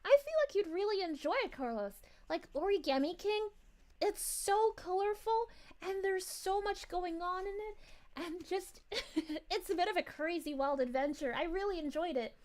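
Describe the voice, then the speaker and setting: Casting: a sweet young cartoon princess streamer, extremely high-pitched, gushing, giggly, cooing, chatty. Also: female voice, normal speed, darkish tone. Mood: enthusiastic, chatty. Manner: gushing, giggly, exclaims with cooing woo-hoos. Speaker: livestream host. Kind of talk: casual livestream chat, reading viewer messages.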